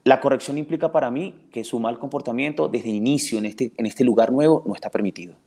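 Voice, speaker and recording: A man from Colombia, a dog trainer, explaining his methods at length in a podcast interview, animated and full of restarts as he acts out owners and dogs. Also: mid-range voice, fast talker.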